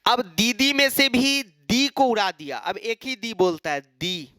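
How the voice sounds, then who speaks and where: A man's voice: very high voice, lively intonation, measured pace, bright, forceful tone, clean tone. A man teaching an exam-prep lecture, asking and answering his own questions and mimicking students.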